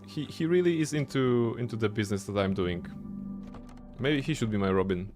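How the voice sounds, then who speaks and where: Brief: male gamer chatting over gameplay, lively pitch, rambly, faint music behind. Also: a little fast. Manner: rambling, restarts words, chuckles. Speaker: game streamer. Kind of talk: casual gameplay commentary.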